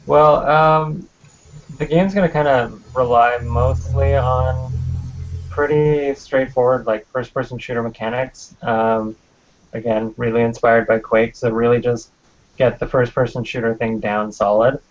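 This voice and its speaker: A man being interviewed on a podcast talks about his game, pausing often on ums and uhs. His pitch stays flat and even. The recording sounds dull and lo-fi. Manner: hesitant, many ums and uhs. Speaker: game developer guest.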